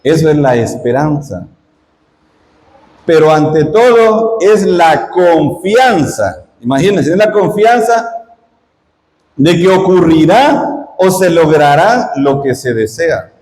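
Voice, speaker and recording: A man's voice: a little high, big pitch swings, takes it slowly, darkish tone. A middle-aged man from Guatemala, a lay missionary giving a parish retreat talk in a conversational, teaching way, asking the audience questions. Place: church hall. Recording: echoey parish hall.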